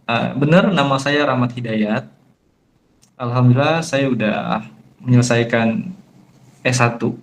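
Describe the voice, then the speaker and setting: A man's voice: mid-range voice, a little slow, long pauses. A young man with a Sumatran, Palembang-tinged Indonesian accent, an ustadz giving a chatty, firm Islamic lecture to friends in an online session over a phone call. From Jambi, Sumatra. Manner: chatty, addresses listeners as friends, firm emphatic tone. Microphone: phone on a video call.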